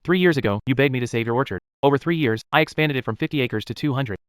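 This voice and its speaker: An actor playing a young, proud fruit tree breeder who talks steadily and bluntly in a dubbed drama. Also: male voice, medium pitch, fast, clean tone, dry recording, studio quality, lightly acted. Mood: cold reproach. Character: proud self-made durian grower, young man, calm and firm.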